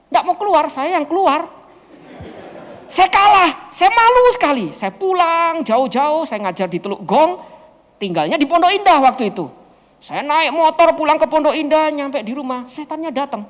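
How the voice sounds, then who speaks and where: A man, a pastor answering questions from a group and telling a story in a lively, expressive way. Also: extremely high pitch. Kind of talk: animated storytelling talk to a group. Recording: long hall reverb.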